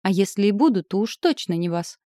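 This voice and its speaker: Young noblewoman, proud and indignant, read by a woman; mellow, dry close sound. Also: medium pitch, lively intonation, a little fast, no room sound, natural voice. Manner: pleading, then sharply indignant. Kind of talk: audiobook character reading.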